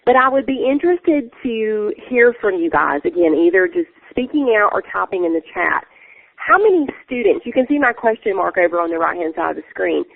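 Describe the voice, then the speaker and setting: A woman's voice: medium pitch, big pitch swings, brisk, creaky. A woman with a Southern accent presenting a webinar, sounding nasal from a sore throat, earnest with many fillers. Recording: phone-like webinar audio.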